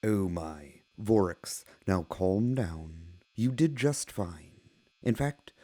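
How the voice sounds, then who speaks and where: A man playing a genteel horror anthology host, narrating scripted tales in a measured, theatrical, vintage style. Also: sits low, animated, mellow, dry recording. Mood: genteel, soothing.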